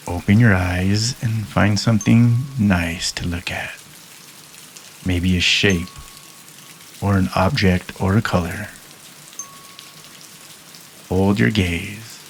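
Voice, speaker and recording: Deep, slow, calm male hypnotist. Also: slight background noise. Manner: soft, calm and measured, with long pauses. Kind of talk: guided hypnosis induction.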